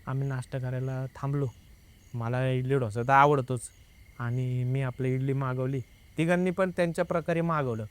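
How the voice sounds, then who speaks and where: Speaking as a guest, a young man tells a ghost story from his own life in a relaxed, chatty way. His voice has an ordinary male pitch, a moderate pace, and a clear, resonant tone. He lively re-enacts what everyone said, tagging many lines with "I said."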